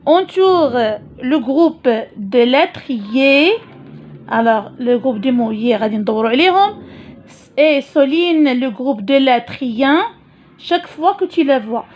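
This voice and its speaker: A woman's voice: sits high, animated, unhurried, lo-fi sound. A Moroccan woman teaching a phonics lesson, repeating words syllable by syllable and explaining in between. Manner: syllable-by-syllable drilling, switching to Darija explanations. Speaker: primary school teacher. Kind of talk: phonics lesson, slow repetition.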